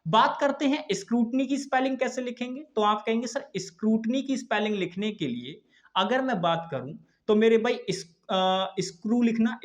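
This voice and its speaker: A young man teaches an exam-prep vocabulary class, and his voice sits high for a man. He repeats each point and poses questions to his students, then answers them himself. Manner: repetitive, addresses students as brother, answers his own questions. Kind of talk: online exam-prep lesson.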